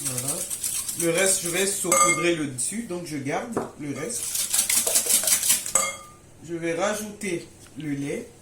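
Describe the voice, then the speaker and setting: Speaking slowly in a lowish voice and pausing often, she leads a relaxed baking tutorial indoors in her home kitchen. She talks to her audience like friends and makes sure they're following, though the recording echoes and carries faint noise.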